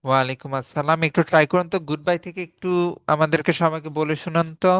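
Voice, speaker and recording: A man's voice: a little high, steady tone, fast, fairly bright tone, smooth. A man with a Bangladeshi accent teaching a spoken English lesson in an online class, explaining patiently and often checking with the students.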